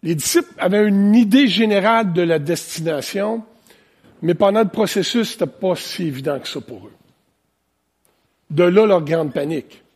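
A man with a Quebec French accent preaching an animated, conversational sermon with plenty of asides. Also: high-pitched, normal speed, husky. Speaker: pastor. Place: church, preaching to online viewers.

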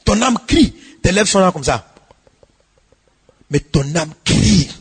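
Man, pastor, sermon, husky voice, high-pitched, swings from hushed pleading to shouting, long hall reverb. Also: lively intonation, takes it slowly.

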